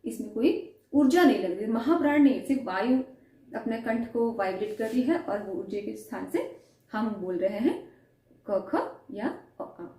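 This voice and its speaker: A woman's voice: fairly high pitch, dark tone. A woman teacher giving a pronunciation lesson, sounding out letters one by one and asking the class questions. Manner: demonstrates sounds slowly, asks questions. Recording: echoey room.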